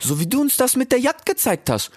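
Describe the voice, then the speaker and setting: A man's voice: very high voice, sing-song, fairly quick, breathy edge, no room sound, studio quality, voice pushed up, heavily acted. A man voicing a brash, cheerful young male animal who talks in street slang, in an audiobook. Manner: slangy, tags lines with "ja?" and "ich schwör". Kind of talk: audiobook character voice.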